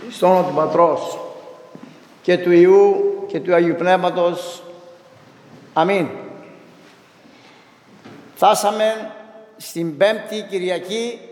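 High-voiced priest preaching in an echoing church. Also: male voice, fairly even intonation, long pauses, a little mellow. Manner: plain storytelling with constant 'he tells her' asides. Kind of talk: sermon. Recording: echoey church hall with long reverb.

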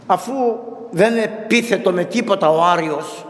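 A man preaching a sermon, retelling saints' stories and voicing their lines slowly. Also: sits high. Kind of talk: sermon storytelling. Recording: echoey hall.

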